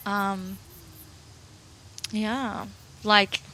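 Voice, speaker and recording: A woman's voice: medium pitch, fairly even intonation, extremely slow, bright, forceful tone, a little hiss or hum. A young woman from Russia co-hosting a podcast, chatting casually and laughing easily. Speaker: podcast co-host. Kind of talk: casual chat.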